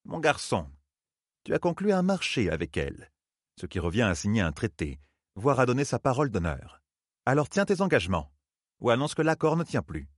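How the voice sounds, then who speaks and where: A man's voice: medium pitch, big pitch swings, a little fast, no echo, studio quality, pitched above the performer's own voice. A man doing a stern, blunt older woman. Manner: blunt, lecturing. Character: stern commanding older woman, sea folk leader.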